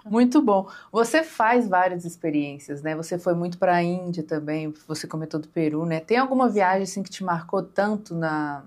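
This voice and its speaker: A woman's voice: on the low side, moderate pace, few pauses, a little mellow. A woman hosting a podcast, chatting casually and reacting with short interjections. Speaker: podcast host. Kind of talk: casual conversation.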